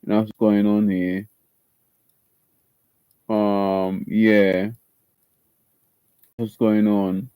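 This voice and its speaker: Speaking very slowly and pausing often, this man has a lowish, flat, clear and resonant voice, heard in phone-quality sound with no room sound. He has a slight Jamaican accent and is livestreaming casually from home, seated, as he prepares an acting audition, reading instructions aloud and often repeating and restarting.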